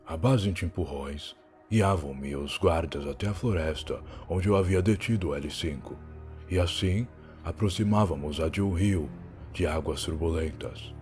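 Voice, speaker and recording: A man with a Brazilian accent playing a weary, proud time traveler, narrating an audio drama in a husky, solemn, theatrical and deliberate way. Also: low-pitched, darkish tone, soft background music. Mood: solemn narration. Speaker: narrator and lead character. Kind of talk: dramatic first-person scripted narration.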